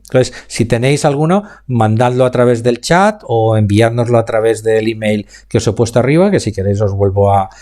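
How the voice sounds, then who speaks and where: A man with a Spain Spanish accent teaching public speaking in a live online class, answering chat questions and slowing down to demonstrate pauses and emphasis. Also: medium pitch, mellow.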